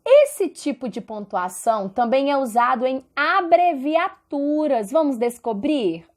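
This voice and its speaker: A woman's voice: high voice, sing-song, a little slow, a little mellow. A woman with a Brazilian Portuguese accent teaching a recorded lesson, explaining step by step and asking rhetorical questions.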